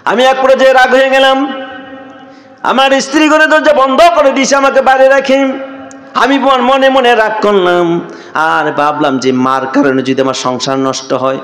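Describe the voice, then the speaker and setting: A man voicing a grief-stricken grown son who tearfully confesses a terrible wrong, his voice pitched high as he pleads. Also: little pitch movement, normal speed, a bit bright, close to an everyday voice. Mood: pleading. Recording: echoey sermon sound.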